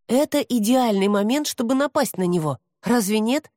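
A woman voicing a stubborn young priestess who talks in a sharp, defiant way in an audiobook. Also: a little high, lively intonation, normal speed, no echo, studio quality, voice pushed up, close to an everyday voice. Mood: questioning.

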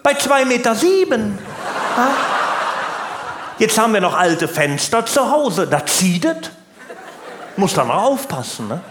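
A comedian voicing a loud, blunt older working-class man who keeps tacking on short questions. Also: big pitch swings, a little slow, pauses often, echoey room, background noise. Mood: mocking. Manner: blunt, tag questions, jumps in pitch. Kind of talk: stand-up routine and prank call.

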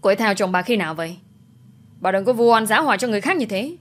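A woman's voice: medium pitch, lively intonation, fast talker, pitched above the performer's own voice, lightly acted. A woman voicing an angry young father defending his wife and son. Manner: stern demands.

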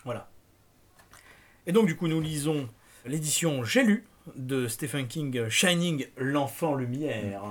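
A French-speaking man, a podcast co-host, reading a novel aloud and voicing its dialogue with lively shifts. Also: takes it slowly. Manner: raises pitch sharply for shouted dialogue.

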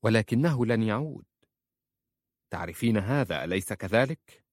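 A man's voice: deep voice, a little fast, no room sound, studio quality. A man doing a stern, wary young woman. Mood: firm.

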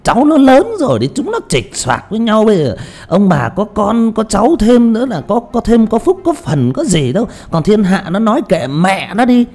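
A man voicing a nosy, meddling male village neighbor, gossiping in a shrill chatter. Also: big pitch swings, normal speed, a little mellow, exaggerated voice. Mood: gossipy.

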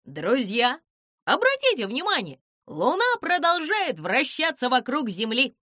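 A woman's voice: high voice, huge pitch swings, measured pace, bright, forceful tone, no room sound, studio quality, pitched above the performer's own voice, heavily acted. Woman voicing a pompous self-assured cat. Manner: grandiose, declaiming. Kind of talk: audiobook character voice.

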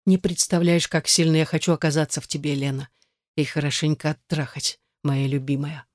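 A strong, ardent male lover, as a narrator voices him, speaking in a low, soft murmur. It is quieter and lower than the plain reading. The recording is dry and close. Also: little pitch movement, a little fast, no room sound, close to an everyday voice.

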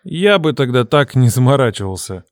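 A woman's voice: a bass voice, very animated, moderate pace, no room sound, studio quality, pitched below the performer's own voice. A woman voicing a brash young male lifeguard who talks down in a teasing, condescending drawl. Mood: smug teasing.

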